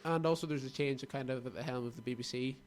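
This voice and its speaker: A man's voice: medium pitch, fast talker, a little hiss or hum. A young man co-hosting a sports radio show, chatting casually and ranting in a mocking, opinionated way.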